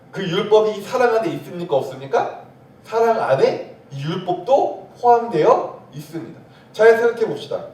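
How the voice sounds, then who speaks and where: A man's voice: high-pitched, a little mellow. A man preaching a sermon as pastor. He keeps asking the congregation questions and then answers them himself. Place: church sanctuary. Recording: echoey church from far off.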